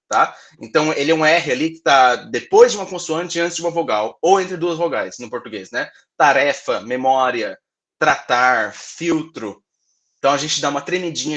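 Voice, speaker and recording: A man's voice: medium pitch, a bit bright. A man from Brazil giving a workshop lecture on English pronunciation, explaining patiently and repeating example words with frequent check-in tags.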